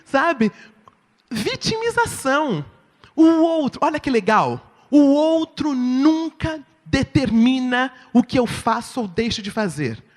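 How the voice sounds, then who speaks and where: Expressive Brazilian woman preaching in a hall. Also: sits high, slow. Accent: Brazilian Portuguese. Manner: expressive, asks the audience "right?". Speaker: church speaker. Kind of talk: sermon-style teaching talk. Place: church hall. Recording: long reverb in a hall.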